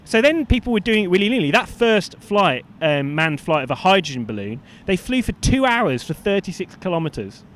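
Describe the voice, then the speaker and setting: A man's voice: sits high, sing-song, brisk, few pauses, a bit bright. A British man co-hosting an informal podcast, telling history in a hesitant, self-correcting way. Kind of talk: informal explanatory chat. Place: walking outdoors in London. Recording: outdoor street with faint traffic noise.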